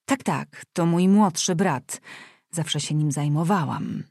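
A woman reading aloud, voicing a fussy, scolding older aunt who talks in an excitable, bossy way. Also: sits low, slow, gravelly, husky, no room sound, clean studio sound, exaggerated voice.

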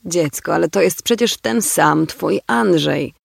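A man's voice: a little high, lively intonation, measured pace, gravelly, no room sound, studio quality, full character voice. A man playing a startled mother. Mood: surprised. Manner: surprised, exclaiming. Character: startled middle-aged mother.

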